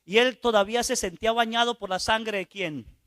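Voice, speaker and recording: A man, a priest, telling a story in a sermon. He drops into quiet asides and puts rhetorical questions to his listeners. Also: high voice, moderate pace, dry recording.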